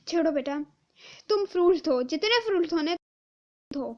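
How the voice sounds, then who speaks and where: A woman putting on a weary gentle father. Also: very high voice, lively intonation, normal speed, highs cut off. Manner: weary, placating. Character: tired gentle father, soft-spoken man.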